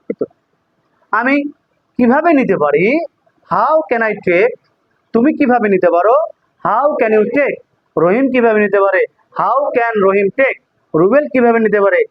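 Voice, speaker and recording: A man with a notably high voice runs an English grammar class. He drills example sentences back and forth between two languages and keeps checking whether the students follow. The recording is dry and slightly muffled. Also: no echo. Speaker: English teacher.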